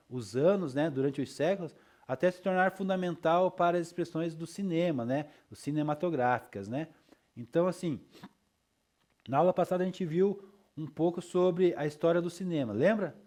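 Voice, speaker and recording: A man's voice: fairly high pitch, darkish tone. A male teacher lecturing his class in a loose, chatty way, with frequent tag questions and checks for understanding.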